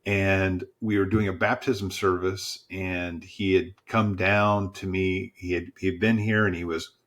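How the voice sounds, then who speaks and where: A man, a church small-group pastor, telling stories as a podcast guest in a lively, encouraging preacher's manner and acting out the dialogue. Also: measured pace. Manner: lively storyteller who acts out dialogue with sudden pitch jumps. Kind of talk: storytelling in a podcast conversation.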